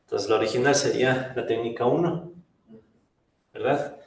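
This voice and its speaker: Chatty lecturer, echoey classroom. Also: male voice, mid-range voice, steady tone, moderate pace. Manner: chatty, asks frequent tag questions. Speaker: economics lecturer.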